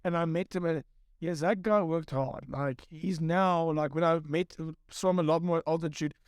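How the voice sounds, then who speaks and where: A man in his thirties from South Africa, a guest photographer telling stories in a relaxed, rambling way during a casual panel chat. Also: a little high, moderate pace, clean tone, no room sound, clean studio sound. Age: 30s. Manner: relaxed, rambling storytelling with repeats.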